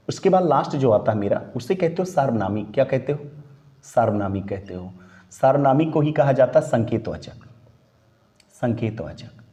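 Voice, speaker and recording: A man's voice: medium pitch, dark tone. A man teaching a grammar lesson, calling viewers his friends and posing questions that he answers himself.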